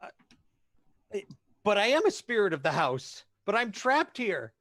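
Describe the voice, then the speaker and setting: A man's voice: sits high, sing-song, measured pace, fairly bright tone, no room sound, studio quality, exaggerated voice. A man voicing a desperate spirit trapped in a locked chest, pleading in a muffled voice. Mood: anxious. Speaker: player.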